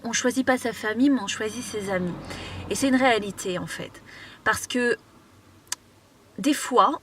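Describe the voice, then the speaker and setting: A woman's voice: on the high side, fairly bright tone, slight background noise. A young woman from Mauritius giving casual life advice to camera from inside a parked car, chatty, with many fillers and restarts. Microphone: camera on a tripod.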